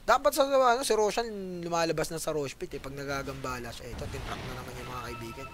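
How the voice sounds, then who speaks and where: A man with a Filipino accent giving animated esports play-by-play, switching between Tagalog and English and addressing viewers directly. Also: medium pitch, fast talker. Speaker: esports commentator. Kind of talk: live esports play-by-play commentary.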